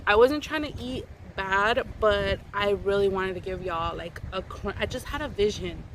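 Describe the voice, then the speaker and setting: A woman with a mid-range voice chats informally to her viewers as she hosts an eating vlog. Her talk is loose and slangy, full of filler "like" and exclamations. She is recorded outdoors in a park, with clearly audible ambient noise around her. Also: mid-range voice, normal speed, a bit bright, poor audio. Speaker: mukbang vlogger, host. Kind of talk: casual chat to camera while eating. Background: outdoor ambience, wind.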